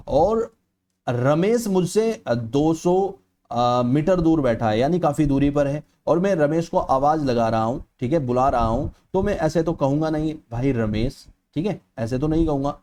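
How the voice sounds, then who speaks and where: Man teaching with a mellow voice. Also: on the high side, lively intonation, normal speed. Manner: explanatory, repeats "ठीक है" often; stretches vowels aloud to demonstrate. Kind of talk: exam-prep lecture.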